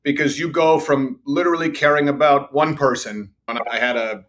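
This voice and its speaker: On a podcast, this middle-aged sales executive speaks in a steady, somewhat high voice at a moderate pace. He tells assured anecdotes about his career and remarks that his voice is a loud one.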